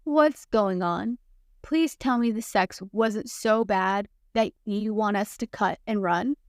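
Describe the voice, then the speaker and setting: A sharp young witch, as a woman narrator puts her on, speaking in a dry, teasing drawl. Her voice sits a little high. It is recorded close and dry, like a home audiobook read. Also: unhurried, dry recording.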